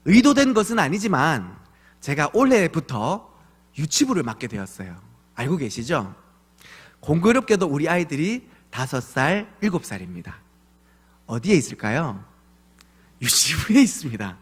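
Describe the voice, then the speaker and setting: Pastor guy in his 30s preaching, high-ish voice, super animated, big echoey church hall. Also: normal speed, husky. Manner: animated storytelling with acted voices of his kids. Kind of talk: evening church sermon. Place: church sanctuary. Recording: long church hall reverb.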